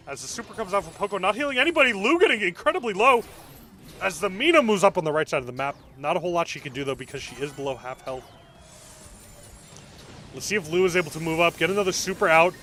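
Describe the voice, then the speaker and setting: Young male streamer casting live: high voice, bouncy delivery, faint music underneath. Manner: excitable, reacts to chat between calls. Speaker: streamer casting an esports match. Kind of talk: live play-by-play commentary.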